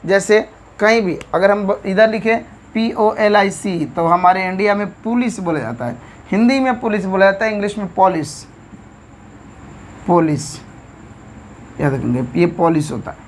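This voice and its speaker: A woman's voice: medium pitch, lively intonation, normal speed, slight background noise. Indian woman spelling out English words. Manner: spells words out letter by letter, often says "theek hai". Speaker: English teacher. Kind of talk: online vocabulary lesson.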